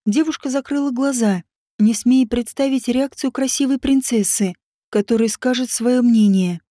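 A woman narrating a fantasy story in an even, dramatic reading style. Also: fairly high pitch, normal speed, no echo, clean studio sound. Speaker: audiobook narrator. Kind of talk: scripted narration.

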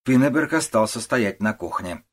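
A low-pitched male narrator reads a novel aloud, steady and measured. His voice has a husky, breathy grain. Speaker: audiobook narrator. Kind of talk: scripted narration.

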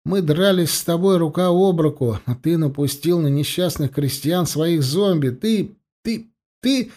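A man's voice: on the high side, unhurried, warm tone, pitched above the performer's own voice. A man reading an audiobook, voicing a frightened, whiny male mage who pleads and cries out. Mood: accusing. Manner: pleading, plaintive outbursts.

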